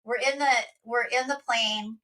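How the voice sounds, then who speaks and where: Woman, podcast co-host, animated storyteller, casual chat, bright tone. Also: on the high side, unhurried.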